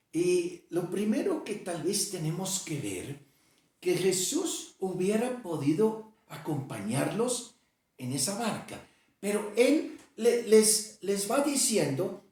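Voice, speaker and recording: A male pastor preaching a sermon and reading scripture aloud, slow and deliberate with frequent hesitations. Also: high-pitched, darkish tone. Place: church sanctuary. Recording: very echoey church hall, mic far off.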